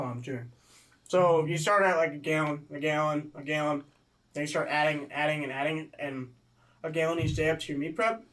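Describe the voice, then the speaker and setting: A young man hosting a casual podcast, calmly explaining diet and water-cut routines. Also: fairly high pitch, distant mic. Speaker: podcast host.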